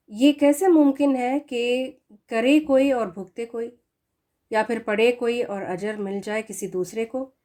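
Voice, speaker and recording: A woman teaching a recorded Quran recitation lesson who slows down to model correct and wrong pronunciations, with earnest, admonishing asides. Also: medium pitch, warm tone. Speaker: tajweed teacher.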